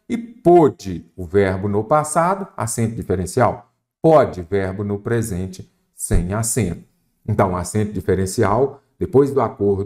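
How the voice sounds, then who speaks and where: Brazilian guy teaching spelling for exams, fairly low voice, asks questions then answers them. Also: a little mellow. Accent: Brazilian Portuguese. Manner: addresses the student directly. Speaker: Portuguese teacher. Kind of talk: exam-prep grammar lesson.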